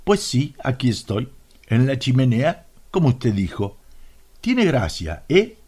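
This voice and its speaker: A man's voice: medium pitch, very animated, slow, darkish tone, breathy edge, exaggerated voice. A man with a Latin American Spanish accent voicing a cheerful, teasing woman in an audiobook. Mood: amused. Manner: light, airy, teasing. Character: cheerful, amused woman, Miss Blunt.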